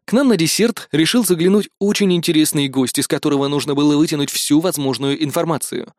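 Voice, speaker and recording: A man narrating an audiobook in a lively, ironic storytelling manner. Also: a little high, fast, no room sound, clean studio sound. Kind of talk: audiobook reading.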